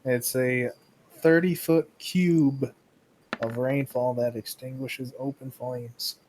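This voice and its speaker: A man's voice: medium pitch, fairly even intonation, slow, a little mellow, a little hiss or hum, rough recording. A man playing a tabletop game, matter-of-fact as he explains his spell. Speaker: player. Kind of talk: casual table talk.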